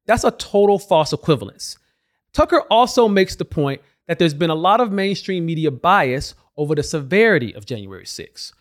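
A man's voice: fairly high pitch, very animated, normal speed. A man delivering scripted political commentary as a host, with a sarcastic, mocking manner.

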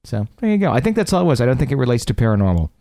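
A man's voice: medium pitch, big pitch swings, racing, dark tone, no echo. A man hosting a talk show, speaking in a casual, conversational way into a close studio microphone.

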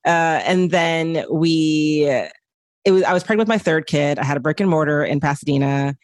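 A woman's voice: low-pitched, normal speed, no echo. A woman in her forties from Houston, a doula and podcast guest, talking in an easygoing, chatty way and laughing often. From Houston, Texas. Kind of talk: casual interview chat.

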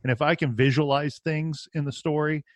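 A man's voice: fairly high pitch, fairly even intonation, fairly quick, no room sound. Casual man guesting on a podcast, dry sound. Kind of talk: casual chat.

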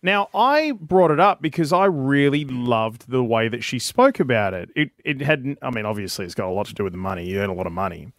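A man's voice: medium pitch, lively intonation, a little fast, few pauses, a bit bright, no echo. Chatty male radio host. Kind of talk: casual chat.

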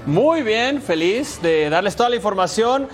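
A man co-hosting a sports show, narrating match highlights in a jokey way with wordplay. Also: lively intonation, a little slow, soft background music.

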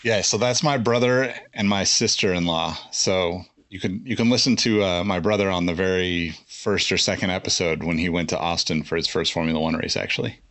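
A man with a lowish voice co-hosting a racing podcast in casual chat. He rambles, stops and restarts his sentences, and fills the gaps as he goes. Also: fairly quick, few pauses, a bit bright. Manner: rambling, many restarts and fillers. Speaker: podcast co-host.

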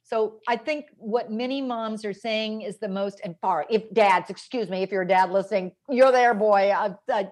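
A woman's voice: mid-range voice, moderate pace, few pauses. A middle-aged woman speaking as an expert guest in an interview, telling stories animatedly and acting out what kids told her. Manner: animated storyteller, acts out quoted kids. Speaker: guest expert, educational psychologist. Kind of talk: conversational interview.

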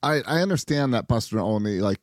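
A man co-hosting a sports podcast, chatting casually and telling stories in an animated way with quoted asides. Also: mid-range voice, brisk, no echo, clean studio sound. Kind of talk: casual baseball chat.

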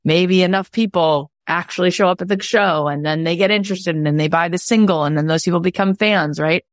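A woman's voice: fairly low pitch, fairly quick, no echo, studio quality. A woman hosting a conversational podcast interview, speaking in an affirming, explanatory way. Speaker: podcast host.

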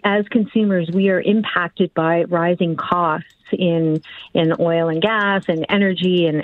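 A woman's voice: fairly low pitch, dry recording. Cape Breton woman on a tinny phone line. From Cape Breton, Canada. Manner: talkative, explains at length with many fillers. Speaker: research assistant guest. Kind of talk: casual interview talk.

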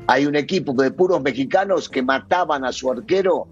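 A man's voice: mid-range voice, fairly quick, dull audio, faint music behind. A man with an Argentine accent, a former player turned sports pundit, arguing his point insistently in a studio debate. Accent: Argentine Spanish. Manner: insistent, argumentative.

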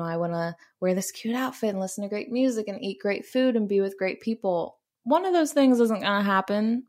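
A young woman hosting a podcast, talking candidly and casually, swearing freely and laughing now and then as she gives advice from a bubble bath. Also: on the low side. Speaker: podcast host.

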